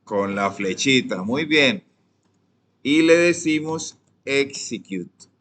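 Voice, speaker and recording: A young man with a Colombian accent, teaching a programming class, dictating code and quizzing his students, often trailing off softly. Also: medium pitch, expressive, slow pace. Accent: Colombian Spanish. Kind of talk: live coding lesson.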